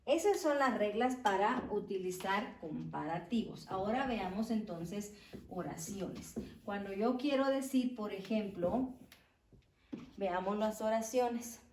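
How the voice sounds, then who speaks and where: Slow, deliberate teacher woman in an echoey room. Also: mid-range voice, lively intonation, darkish tone, far from the mic, slight background noise. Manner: very slow and deliberate, spelling out words. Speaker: English teacher. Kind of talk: slow explanatory lesson.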